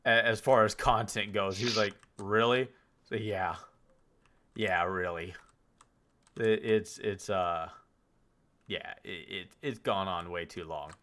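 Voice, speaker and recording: A man's voice: low-pitched, unhurried, pauses often, bright, forceful tone, slight background noise. A man streaming a game, telling stories in loose, swearing casual chat. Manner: rambling storyteller, swears a lot.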